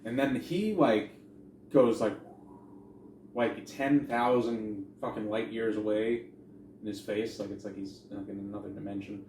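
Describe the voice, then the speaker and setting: Male podcast co-host, casual and profane, low voice, distant echoey room recording. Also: steady tone, measured pace, a little mellow. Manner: rambling, profane, retells scenes in quoted voices. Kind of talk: casual movie review chat. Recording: echoey room, distant from mic, faint noise.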